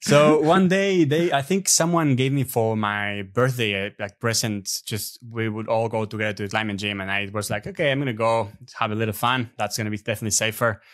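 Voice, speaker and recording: An Argentine app developer, appearing as a guest on a podcast via remote video call, speaks with a voice on the low side. He tells stories in a relaxed, chatty way during the casual interview, using frequent fillers.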